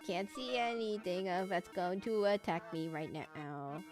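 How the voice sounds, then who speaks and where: A woman with a slightly nasal, low-ish voice rambles unhurriedly through a live video game stream. Her chat is casual and self-deprecating, and music plays in the background.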